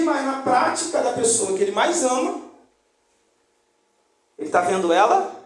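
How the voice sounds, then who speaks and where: A man with a Brazilian Portuguese accent preaching a conversational sermon, animated and acting out the voices he quotes. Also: extremely high pitch. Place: church hall. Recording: echoey church hall.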